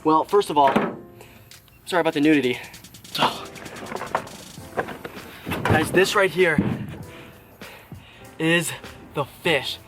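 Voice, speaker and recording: A young man fishing at a pond outdoors, talking casually to his viewers on an action camera, excitable and quick to exclaim while sweating in the heat. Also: a little high, over loud music. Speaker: fishing vlogger. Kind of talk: casual vlog talk to camera.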